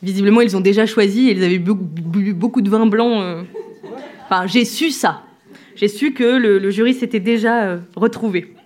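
A woman's voice: mid-range voice, moderate pace, a little mellow. A woman hosting a live event on stage, introducing jury members and guests in a chatty, self-deprecating way with many fillers. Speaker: event host. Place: event stage before an audience.

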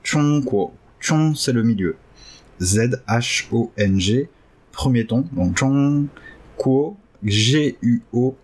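A man hosting a casual chat who hesitates a lot and jumps up excitedly in pitch now and then. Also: slow, husky. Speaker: podcast host learning Chinese.

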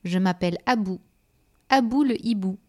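A woman voicing a gentle male owl in a children's storybook, calm and matter-of-fact. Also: medium pitch, normal speed, natural voice.

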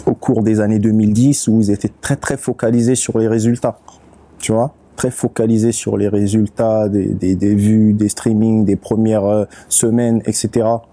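A man, a rapper and beatmaker, speaking as a guest in a casual interview, relaxed and unhurried, often pausing to search for his words. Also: on the low side. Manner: relaxed, unhurried, with many fillers and restarts.

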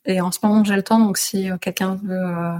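A woman's voice: mid-range voice, steady tone, fairly quick, a little mellow. A woman guest in a casual interview, speaking hesitantly with many filler sounds.

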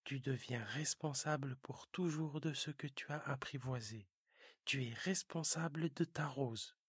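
A narrator voicing a wise, patient fox in a whispered role-play, lower and slow. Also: husky, dry recording, studio quality. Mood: tender. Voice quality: low, hushed, slow.

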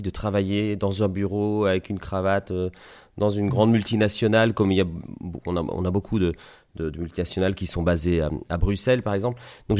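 A man's voice: fairly low pitch, a little mellow. A man in his forties from Belgium, an osteopath telling his story as an interview guest, hesitant with many fillers and restarts. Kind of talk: conversational interview.

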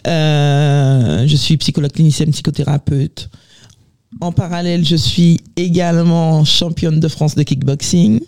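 Une femme de quarante et quelques années, originaire de Guadeloupe, invitée dans un studio de radio, qui se présente d'un ton vif en riant souvent. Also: female voice, low voice, unhurried. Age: 40s. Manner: lively, laughs often, lists her activities. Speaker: radio guest. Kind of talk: casual radio chat.

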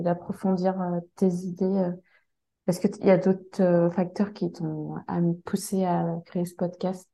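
Woman podcast host, low mellow voice, casual questions. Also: rough recording.

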